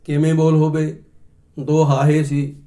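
A middle-aged man giving a sermon, telling stories and explaining recitation slowly. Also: a little high, monotone, dark tone. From Punjab. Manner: storytelling, acts out quoted voices, slow deliberate explanations. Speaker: Sikh preacher. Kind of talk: katha sermon with anecdotes.

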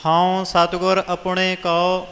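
A man chanting scripture aloud in a slow, steady sing-song recitation. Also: high-pitched. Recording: reverberant hall with faint music.

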